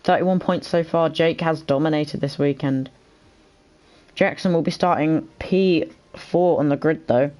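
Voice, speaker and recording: A race co-commentator for an online racing league, reacting with quick bursts of excitement. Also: mid-range voice, low-quality recording.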